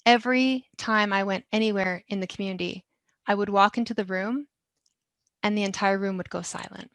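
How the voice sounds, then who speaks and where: A woman's voice: mid-range voice, no echo. Woman telling a personal story, dry. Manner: candid, emotional retelling of a hard episode. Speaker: speaker.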